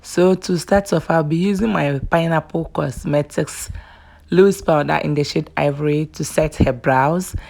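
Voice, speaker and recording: Low, gravelly-voiced woman beauty vlogger. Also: a little slow, darkish tone. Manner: chatty and affectionate, repeats "yes" often. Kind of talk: casual makeup tutorial voice-over.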